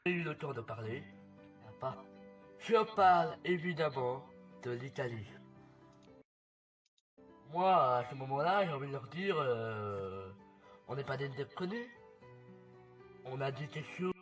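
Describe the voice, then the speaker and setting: A man's voice: medium pitch, expressive, unhurried, pauses often, a bit bright, distant mic, soft background music. A teenage boy from Belgium, talking eagerly to viewers in an old YouTube video. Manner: eager, chatty, addressing viewers.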